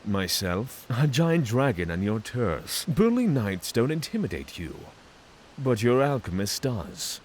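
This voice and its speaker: There's a clear background hiss as a man voices a courteous, candid giant dragon among mortals in a fantasy audio drama, keeping a calm mood and formal phrasing. His medium-pitched voice is very animated yet unhurried.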